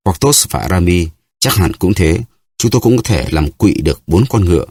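A composed, serious musketeer, as a male narrator reads him in an audiobook. His deep voice stays measured and unhurried. Close, dry recording. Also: slightly rough, dry recording, heavily acted. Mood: grave. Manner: calm, measured. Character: grave, calm older musketeer.

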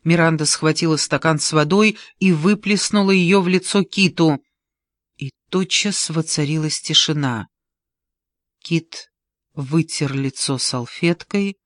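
Slow measured audiobook reader. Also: mid-range voice, dry recording, studio quality. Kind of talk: audiobook narration.

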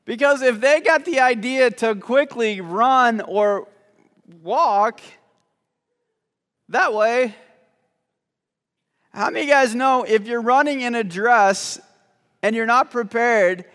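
A male pastor preaches in a church with a voice set high for a man, keeping the tone loose and joking as he stumbles over his words. His sermon rings with the long reverb of the church hall. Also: takes it slowly, long pauses, a bit bright. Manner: conversational and joking, with repeated false starts. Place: church sanctuary.

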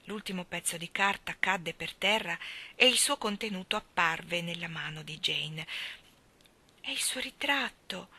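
A woman reading a children's novel aloud in calm, measured narration. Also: lowish voice. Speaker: reader. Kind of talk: storybook read-aloud.

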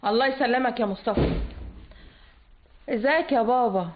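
An actress playing a sarcastic, defiant Egyptian daughter in a radio drama. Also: female voice, on the high side, moderate pace, noisy background, close to an everyday voice. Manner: sarcastic, confrontational. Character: proud defiant grown daughter. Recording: dull lo-fi radio recording.

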